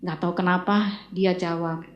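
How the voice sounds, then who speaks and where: A woman giving a personal faith testimony, telling her story with animated retelling of remembered conversations. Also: on the low side, moderate pace, muffled recording, heavy background noise. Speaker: church testimony speaker. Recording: roomy echo.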